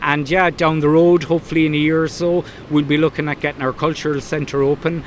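A man's voice: on the high side, level tone, a little fast. A man with a west of Ireland accent explaining his work and plans in an interview. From Blacksod Bay, County Mayo, Ireland. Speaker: founder of a maritime heritage company. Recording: faint outdoor background noise.

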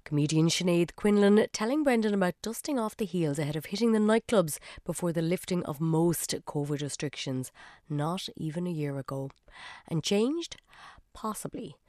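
A woman presenting a radio news review in scripted narration, measured and wry. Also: on the low side, expressive, mellow, dry recording, studio quality.

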